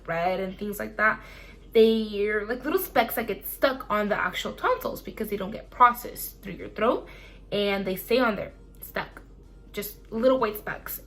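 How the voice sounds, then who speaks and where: A young adult woman vlogger chatting casually to camera, telling personal stories in a chatty, animated way. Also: medium pitch.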